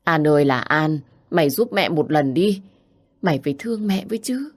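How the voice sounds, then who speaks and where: A woman's voice: deep voice, normal speed, darkish tone. A woman voicing a desperate middle-aged mother in debt, who pleads with her daughter in a tearful voice. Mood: begging.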